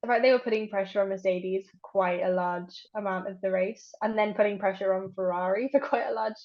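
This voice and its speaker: Speaking briskly and steadily at medium pitch, this young podcast co-host keeps things chatty, hedging what she says and leaning on plenty of "um" fillers. The recording sounds dull and lo-fi.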